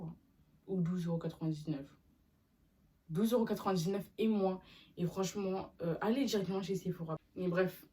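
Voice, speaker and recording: Young female vlogger, lively and chatty, slightly low voice, sits back from the mic. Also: recorded from a distance. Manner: chatty and animated, with slangy asides. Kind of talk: casual haul video chat.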